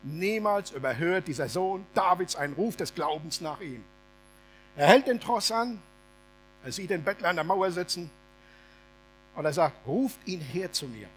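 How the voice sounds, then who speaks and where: Animated man preaching a story. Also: high-pitched, moderate pace, long pauses, a little hiss or hum. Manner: animated, humorous, colloquial. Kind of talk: sermon told as a lively story.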